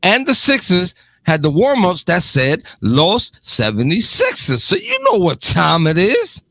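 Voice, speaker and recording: Brief: male co-host, lively intonation, blunt slangy sports talk. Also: sits high, unhurried. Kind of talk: casual sports chat.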